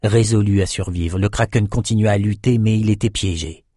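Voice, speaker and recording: An audiobook narrator reads a scripted fantasy adventure in an even, measured voice that sits low. His pacing is steady and controlled, and the close, dry recording has no room sound or echo.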